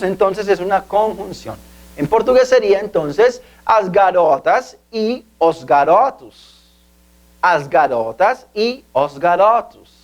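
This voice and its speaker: Male tutor, slightly raised pitch, patient and repetitive classroom delivery. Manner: patient, repeats key words and asks "¿sí?". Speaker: language teacher. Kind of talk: video language lesson.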